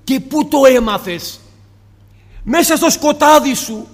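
High-voiced impassioned male preacher. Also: lively intonation, big-room sound. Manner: impassioned, rhetorical questions, sudden drops to soft tone. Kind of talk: sermon.

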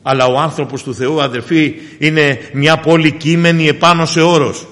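A man, preaching a sermon with personal testimony, calling the congregation brothers and swinging from emphatic high bursts to quiet low asides. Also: fairly even intonation, long reverb tail.

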